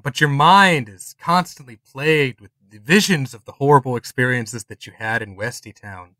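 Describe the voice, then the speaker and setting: A man runs a tabletop horror game, narrating as he improvises. His delivery stumbles and repeats, with a bright, sharp voice at a middle pitch in a dry recording. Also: no echo. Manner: halting, repeats words as he improvises. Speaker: game master.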